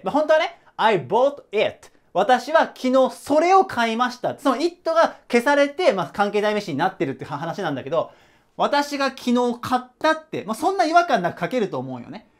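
A man gives a casual grammar lesson in a friendly, conversational tone. His pitch swings widely as he explains, and he keeps turning points into questions for the students. He sounds like he is writing on a board as he talks. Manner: chatty, explains with rhetorical questions. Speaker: English teacher.

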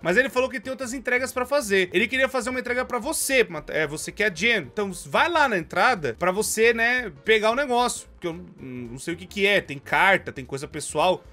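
A man's voice: sits high, lively intonation, fast talker, hardly any pauses, bright, forceful tone. A man with a Brazilian accent voicing an eager, charming, hardworking young father in his own casual, slangy voice. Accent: Brazilian Portuguese. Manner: casual slangy voice, barely changed.

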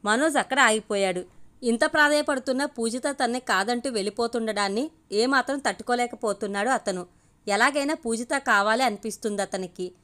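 A woman storyteller narrating a scripted audio story in a steady, expressive reading. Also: a little high, a little fast.

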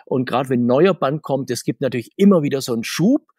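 Talking at a quick, animated clip, this mid-range, darkish, slightly rough voice belongs to a comics marketer in his 60s. He's a video-call interview guest in a home room full of figures, rambling chattily in casual interview talk and laughing between points. The recording is dry and studio quality.

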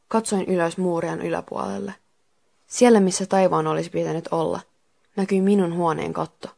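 A woman reading a children's story aloud as calm, even first-person narration. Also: on the low side, vocal fry. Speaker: reader.

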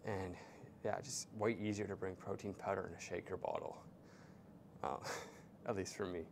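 A young man chats in a relaxed, rambling way, full of fillers, while he works out. His voice sits fairly low. A faint rumble hums underneath, picked up by a small clip-on mic in a hotel gym. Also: normal speed, creaky. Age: young adult. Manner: laid-back, rambling with many fillers. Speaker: fitness vlogger. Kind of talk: casual vlog narration between sets. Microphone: small clip-on mic, camera at a distance.

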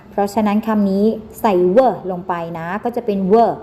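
A woman's voice: medium pitch, mellow, a little hiss or hum. A woman with a Thai accent teaching an English phonics lesson to children, patient and mixing Thai with English. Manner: slow, patient, switching between Thai and English.

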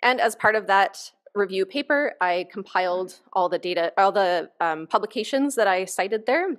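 A woman's voice: mid-range voice, animated, moderate pace. Enthusiastic woman giving a conference talk. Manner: enthusiastic, informal. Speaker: conference keynote speaker, researcher. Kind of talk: conference presentation. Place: conference hall stage, at a lectern.

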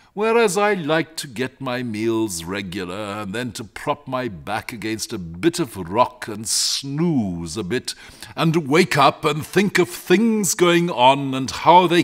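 A man voicing a lazy, genial, talkative male dragon who rambles in fussy, old-fashioned gentlemanly phrases in a storybook reading. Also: a little high, pitched above the performer's own voice, heavily acted.

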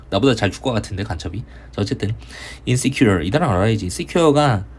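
A man teaching English vocabulary in an online lecture for high school students, with casual joking banter. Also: breathy edge. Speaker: English tutor.

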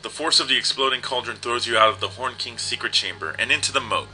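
Bright-voiced guy narrating a game. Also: mid-range voice, fast talker, a little hiss or hum, poor audio. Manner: chatty, reads game text aloud. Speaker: let's play host. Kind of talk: casual game commentary.

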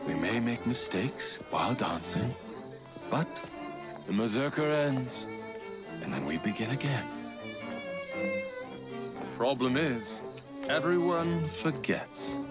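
Slow, suave gentleman villain. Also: mid-range voice, very animated. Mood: suave menace. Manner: slow, measured, counting and philosophizing while slow dancing. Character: suave, menacing middle-aged gentleman villain in Victorian London. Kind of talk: dramatic game cutscene acting. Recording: loud orchestral waltz music behind. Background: loud string dance music.

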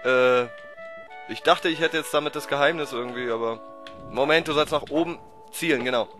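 A man doing casual let's-play commentary, excitable and loud, shouting and groaning at the game, his voice cracking. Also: medium pitch, brisk, faint music behind.

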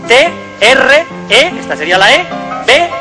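A man telling a comic card story, playful and animated, acting out voices with sudden loud bursts. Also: very high voice, unhurried, over music. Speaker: magician.

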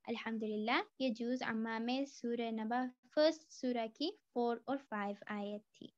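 A woman teaching Quran recitation in a tajweed lesson, patiently explaining and slowly drawing out each word. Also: a little high, a little mellow, dry recording, highs cut off. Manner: slow, drawn-out demonstration of words. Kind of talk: tajweed lesson mixing Hindi and English.

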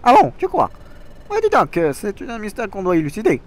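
A man voicing a sly male frog-like creature from a video game, reading its dialogue aloud with a squeaky, jumpy delivery full of exclamations. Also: huge pitch swings, fairly quick. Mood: excited.

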